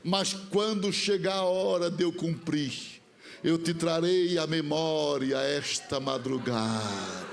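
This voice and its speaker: A man voicing a toothless old preacher who speaks in drawn-out, suspenseful prophecies. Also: a little high, voice pushed down. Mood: solemn prophetic.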